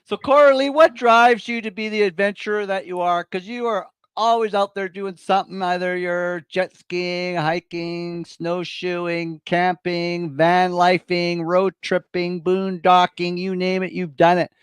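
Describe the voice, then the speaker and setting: A man's voice: sits high, steady tone, a little slow, hardly any pauses, clean tone, dry recording. A man hosting a casual talk show, encouraging his guest and often repeating short phrases. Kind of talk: casual chat, interviewing.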